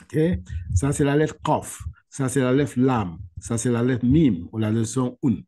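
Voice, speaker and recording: A man teaching Quran letter reading over a video call, patient and repeating sounds slowly for his student. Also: medium pitch, dark tone. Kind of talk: online one-on-one lesson.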